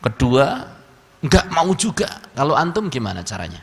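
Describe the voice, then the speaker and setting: A man's voice: mid-range voice, very animated, moderate pace, vocal fry. A man giving a religious lecture, telling funny stories and acting out the people in them. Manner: humorous storytelling with acted quotes. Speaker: preacher. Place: mosque hall. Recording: long hall reverb.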